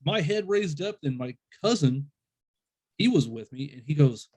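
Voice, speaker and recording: A man's voice: on the high side, sing-song, measured pace, darkish tone, slightly rough. A man hosting a casual interview, rambling through stories and acting out what people said. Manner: rambling storyteller, acts out quoted voices. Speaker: podcast host.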